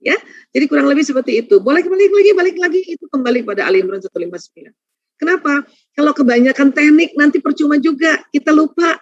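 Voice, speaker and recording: A middle-aged woman giving a religious parenting seminar, lively and acting out quoted voices of mothers and children. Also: high voice, quick pace, dry recording. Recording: dull muffled dry recording.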